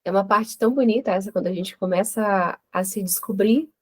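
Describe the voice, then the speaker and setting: A woman's voice: mid-range voice, a little fast, a little mellow, husky. Enthusiastic young-sounding woman therapist. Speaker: new therapist. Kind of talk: group discussion.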